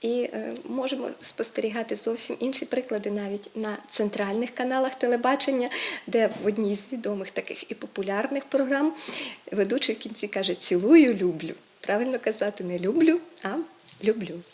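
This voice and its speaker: A woman's voice: fairly high pitch, fairly quick, darkish tone, slight background noise. A woman presenting an educational segment on word stress, explaining patiently with hesitation fillers and stressing each example word. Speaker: language presenter.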